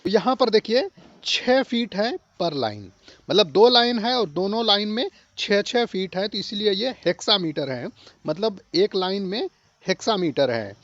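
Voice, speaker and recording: A man with a high-pitched voice explains a literature lesson, switching between Hindi and English. He drops to a slow, careful pace on English phrases and restates each point for learners. The sound is dry, dull and lo-fi. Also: animated, fairly bright tone, no echo. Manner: mixes Hindi and English, slows sharply on English phrases; repeats and rephrases points for learners.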